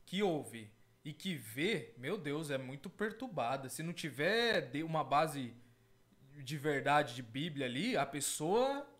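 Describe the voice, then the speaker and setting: Give me an earnest evangelical host with a high voice who repeats his words. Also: very animated, a little slow, fairly bright tone. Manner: earnest, repeats words, calls listeners brothers. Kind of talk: testimony and reaction commentary.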